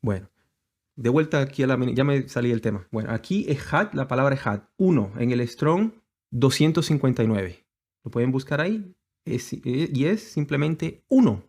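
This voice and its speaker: A man delivers a teaching sermon at an ordinary middle pitch. He explains patiently and halts often, restarting his phrases as he works through his slides. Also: expressive, normal speed, darkish tone. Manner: hesitant, many fillers and restarts, explanatory. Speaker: congregation teacher.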